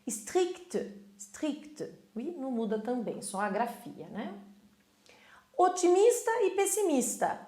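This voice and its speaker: A woman teaching French vocabulary, modeling words slowly and checking in with short tag questions. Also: high-pitched, roomy sound. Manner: slow, careful French pronunciation drills, then tag questions. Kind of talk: vocabulary lesson in Portuguese.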